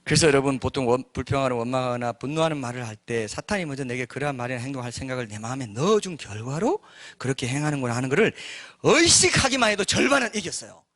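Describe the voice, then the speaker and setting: A male pastor preaching a sermon in an animated, joking way, acting out voices as he goes. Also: mid-range voice, fast talker.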